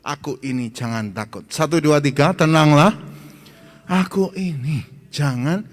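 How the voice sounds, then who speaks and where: A man preaching as a pastor, telling stories with animated voices and swinging between loud urging and soft, hushed lines. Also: sits high, in a large hall. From Indonesia. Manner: animated storytelling, acts out cries for help. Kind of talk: sermon.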